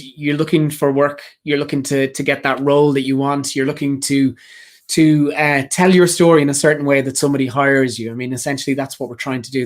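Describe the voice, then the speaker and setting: A man of ordinary, middle pitch speaks earnestly to job seekers in a live online session. He talks straight to his listeners and drives his points home by repeating key phrases. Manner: earnest, repetitive, speaks directly to the audience. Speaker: career coach presenter. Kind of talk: motivational live session talk.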